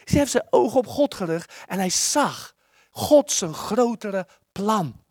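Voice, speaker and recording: Impassioned preacher with a lively, swooping voice. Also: mid-range voice, no room sound, clean studio sound. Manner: impassioned, with dramatic pauses and repeated words; acts out the biblical quotes. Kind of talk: sermon.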